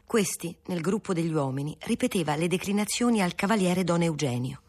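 A woman reading a novel aloud in a measured, even storytelling voice. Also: on the low side, breathy edge. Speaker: audiobook reader. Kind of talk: novel narration.

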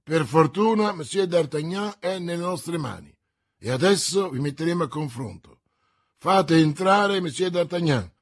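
A man's voice: on the high side, animated, normal speed, breathy edge, no room sound, clean studio sound, voice pushed up. Man playing a brusque interrogating commissioner. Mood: commanding. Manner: interrogating, brusque, loud commands. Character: stern, blustering male police commissioner.

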